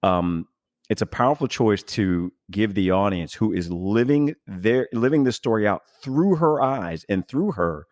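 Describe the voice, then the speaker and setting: Hosting a podcast, a man talks in an earnest, emphatic way through a casual, reflective conversation, hunting for his words as he goes. His lowish voice is animated and a little slow, captured with studio quality and no echo.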